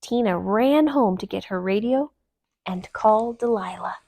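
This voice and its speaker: This is a woman's creaky, mid-range voice as she reads a children's storybook aloud, expressive and deliberate in her storytelling.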